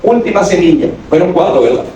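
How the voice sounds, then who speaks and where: A male pastor with a high-pitched, mellow voice preaches a brisk, emphatic sermon in a church, with lively intonation. He quizzes the congregation and acts out quoted voices, recorded from a distance in an echoey hall with slight background noise.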